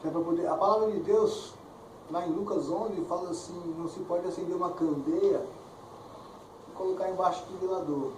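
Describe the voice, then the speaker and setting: Speaking at a normal pace, this man's high, darkish voice stays fairly even as he delivers a conversational sermon full of "né?" tags. The recording comes from an echoey church hall, with a far-off mic picking up clear background noise.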